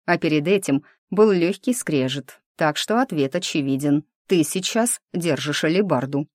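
A man's voice: a little high, normal speed, no room sound, clean studio sound, lightly acted. A woman voicing a wry blind man. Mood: calm deduction. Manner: calm, wry, softly insinuating. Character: blind dark-haired man, ironic and insinuating.

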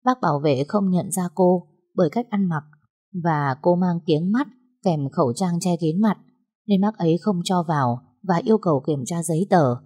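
A woman narrating a story in a calm, measured reading voice. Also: lowish voice, husky.

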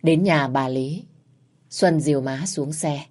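Low-voiced woman narrating a story. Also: slow pace, darkish tone.

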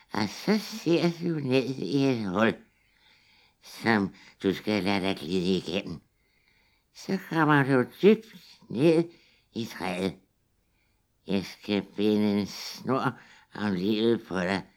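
A man playing a sly, high old witch. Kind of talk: children's fairy tale reading.

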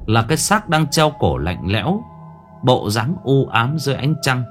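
A man narrating a horror story with dramatic expression. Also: lowish voice. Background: faint music.

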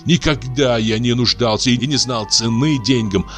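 A man voicing a guilty middle-aged husband who pleads softly and soothingly, in an audiobook. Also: mid-range voice, normal speed, faint music behind, voice pushed up, natural voice. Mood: pleading.

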